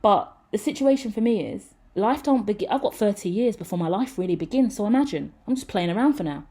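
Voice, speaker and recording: A woman's voice: mid-range voice, lively intonation, fast talker, mellow, husky. A woman, giving a frank, rambling tarot reading straight to her viewers. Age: 30s. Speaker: tarot reader. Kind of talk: casual tarot reading to camera.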